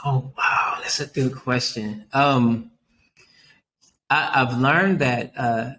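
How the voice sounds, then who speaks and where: A man as a youth worker guest on a podcast, talking in an earnest, animated way and often dropping "man" into his sentences. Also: medium pitch, slow, slight background noise, poor audio. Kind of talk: casual podcast interview.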